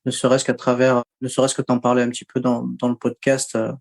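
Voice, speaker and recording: A man's voice: medium pitch, completely flat delivery, fairly quick, creaky, darkish tone. A man hosting a podcast interview, speaking casually with many hesitations and fillers. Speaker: podcast host.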